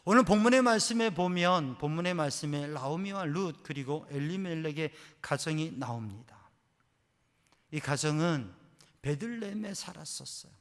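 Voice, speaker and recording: Man, pastor, Sunday sermon, impassioned exhortation, lively sweeping pitch, long hall reverb. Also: normal speed. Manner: impassioned preaching that swells to loud exhortation. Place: church sanctuary.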